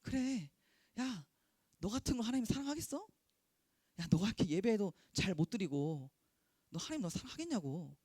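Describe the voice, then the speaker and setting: A man's voice: high voice, sing-song, normal speed, pauses often, a little mellow, husky, no room sound, studio quality, voice pushed up, full character voice. A young male preacher voicing a sneering, taunting male devil who mocks contemptuously. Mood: mocking. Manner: mocking, contemptuous.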